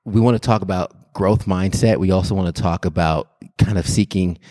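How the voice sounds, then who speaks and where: A man's voice: sits low, normal speed, mellow, no echo. A young man hosting a podcast, greeting his listeners and guest in an upbeat, friendly way. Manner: upbeat, friendly, laughs easily. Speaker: podcast host. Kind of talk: casual podcast chat.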